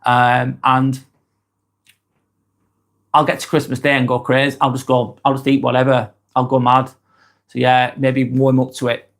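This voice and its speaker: A livestream vlogger from East Lancashire, England, chats casually in his Lancashire accent and reads out viewer comments, rambling with frequent ums and restarts. His mid-range, slightly bright voice is completely flat in delivery, moving at a moderate pace and pausing often.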